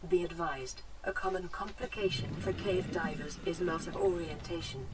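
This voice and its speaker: A woman voicing a calm female computer assistant in a game, speaking in a measured, even, informative way with a synthetic AI sound. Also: fairly low pitch, far from the mic, loud music behind the voice. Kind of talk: game voice-over.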